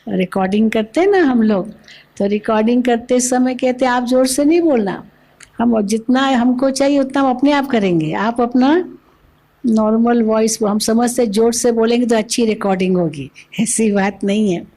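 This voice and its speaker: A woman's voice: on the high side, normal speed, dark tone. A woman giving a spiritual discourse at a microphone, explaining patiently with everyday examples. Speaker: spiritual teacher.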